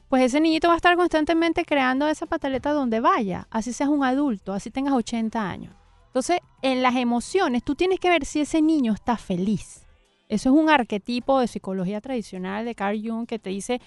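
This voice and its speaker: A woman's voice: on the high side, dry recording. A woman, a guest expert, explaining ideas earnestly in an interview, often in lists. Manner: earnest, explanatory, list-like phrasing.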